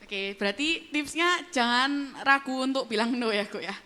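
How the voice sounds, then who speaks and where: Bright-voiced chatty woman host. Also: high voice, animated, moderate pace. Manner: chatty, reads audience questions, says "guys". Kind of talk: casual moderated Q&A.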